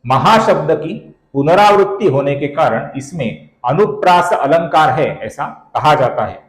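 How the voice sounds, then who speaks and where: Patient male teacher, fairly high voice, very slow and deliberate delivery, roomy echo. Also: expressive. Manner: slow and deliberate, stretching out syllables when he chants; addresses viewers as friends, explaining step by step. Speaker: teacher of Sanskrit verse pronunciation. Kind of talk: slow, careful recitation lesson.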